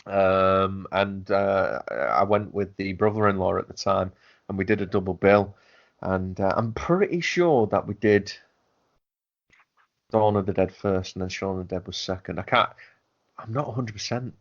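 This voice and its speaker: A male podcast co-host chats casually about films, rambling with lots of fillers and restarts. His voice is deep, expressive and creaky at a normal speed, and the sound is lo-fi.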